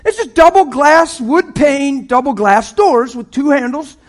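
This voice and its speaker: A man in his fifties, a pastor, tells stories in a sermon with lots of animation and frequent laughter, dropping to a hush and rising to a shout. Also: very high-pitched, unhurried. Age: 50s. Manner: animated, laughs often, swings from hushed to shouting. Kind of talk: sermon storytelling.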